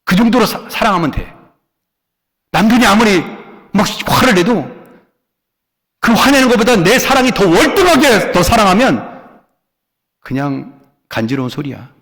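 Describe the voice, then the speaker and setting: A man preaching a sermon as senior pastor. He hammers key words by repeating them and moves between loud stresses and soft asides. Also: high-pitched, sing-song, moderate pace, long pauses, slightly rough. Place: church sanctuary. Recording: long church hall reverb.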